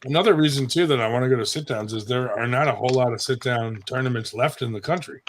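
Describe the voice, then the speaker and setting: Man, American accent, medium pitch, laid-back casual talk, faint background noise with clicks. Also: fast. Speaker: participant in arm wrestling live chat. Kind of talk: casual chat.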